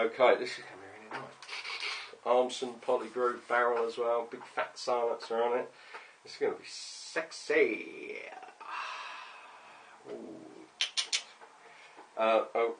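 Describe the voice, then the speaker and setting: A man's voice: medium pitch, recorded from a distance, slight background noise. A man casually showing and explaining parts, talking straight to his customers. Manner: chatty, addresses customers directly with "okay?" and "mate". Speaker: paintball tech vlogger. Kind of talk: casual show-and-tell to camera.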